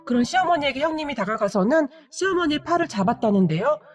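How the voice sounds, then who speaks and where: A woman's voice: high-pitched, lively intonation, quick pace, soft background music. A woman narrating a family drama story in a gossipy, retelling manner. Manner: gossipy, recounting hearsay.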